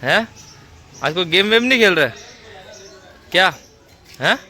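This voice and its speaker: A man's voice: sits high, lively intonation, unhurried, bright, forceful tone. A man vlogging outdoors in a neighborhood lane, chatting playfully and teasing local kids. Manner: playful, teasing, talks to the camera as "guys". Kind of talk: casual vlog chat with neighborhood kids.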